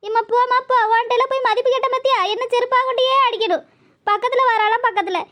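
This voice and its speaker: Woman doing a squeaky cranky granny. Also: fairly even intonation, fast talker, a bit bright. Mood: scolding. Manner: scolding, huffy, complaining. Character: cranky old village grandmother, easily offended. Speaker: mother-in-law. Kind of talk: cartoon comedy voice acting.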